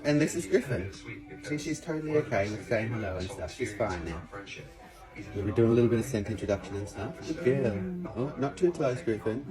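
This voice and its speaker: A man's voice: lively intonation, a little fast, over music, rough recording. Chatty man narrating a home dog video. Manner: chatty, reassuring, slips into high baby talk with the dogs. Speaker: dog owner filming a vlog. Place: at home with family and dogs.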